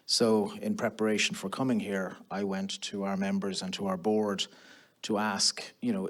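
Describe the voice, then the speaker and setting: An Irish man speaks on a conference panel, measured and deliberate, with a fairly low voice. He lays out his points earnestly and at an even pace. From Ireland. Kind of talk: round-table panel talk.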